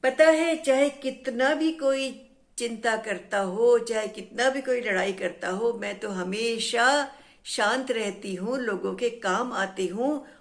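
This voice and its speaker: A woman voicing a calm, gentle female shadow in a children's story who speaks softly and evenly in rhyme. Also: on the high side, slow. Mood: teasing. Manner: soft, even, rhyming speech.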